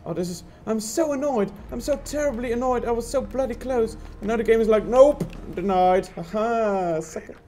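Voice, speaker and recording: A man's voice: very high-pitched, a little fast, few pauses, a little mellow, soft background music. A man giving let's play commentary, frustrated and swearing as he talks to himself and his viewers. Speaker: gameplay commentator.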